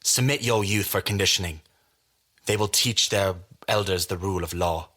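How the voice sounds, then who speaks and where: An actor playing a cold, imperious military chancellor with a hard-edged, slightly rough voice and formal, oratorical delivery in an audio drama. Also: male voice, deep voice, normal speed, sharp tone. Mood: tense, defensive.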